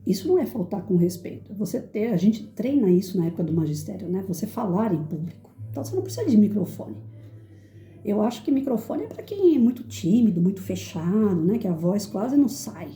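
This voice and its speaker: A middle-aged woman teacher speaks to an audience in a firm, clear voice that carries. Her tone is very dark and mellow, and the room adds a roomy echo. She sometimes acts out quotes in shrill, high voices. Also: big pitch swings, fairly quick. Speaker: teacher and educator. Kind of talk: reflective talk to an audience.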